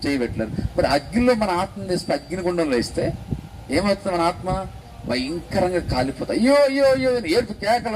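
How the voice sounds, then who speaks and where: A man preaching to children, quizzing them with rising, calling questions and then leading them in prayer with coaxing, repeated instructions. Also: medium pitch. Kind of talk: children's sermon with altar call. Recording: noisy room recording.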